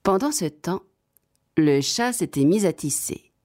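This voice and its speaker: A woman narrating a children's fairy tale in an expressive, measured way. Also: on the low side. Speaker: storyteller.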